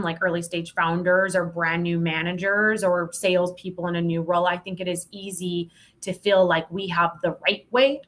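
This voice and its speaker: Her voice runs on the low side yet stays fairly bright. She's a middle-aged sales trainer being interviewed as a podcast guest, and her conversational remarks come across as candid, emphatic, and a little wry.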